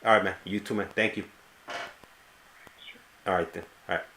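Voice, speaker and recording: Guy with a low voice chatting on his live, kinda halting, repeats words a lot. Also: fairly even intonation, gravelly, background noise. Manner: hesitant, stammering with repeated words. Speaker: live stream host. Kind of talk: casual chat.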